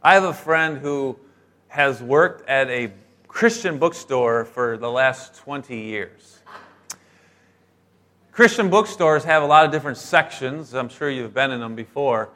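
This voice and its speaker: A middle-aged man preaching a sermon, telling stories in a lively way and acting out the voices of the people in them. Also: mid-range voice, measured pace. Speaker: pastor.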